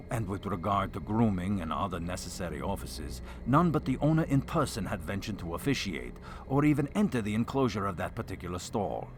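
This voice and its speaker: A man narrating a gothic story as a dramatic reading, in a theatrical, hammy stage-actor manner. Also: on the low side.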